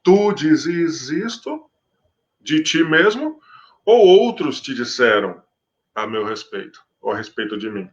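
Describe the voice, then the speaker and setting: A calm, solemn Jesus, read by a man, with each phrase drawn out slowly. The delivery is measured and steady. The sound is muffled and lo-fi. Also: a little high. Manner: slow, measured scripture reading.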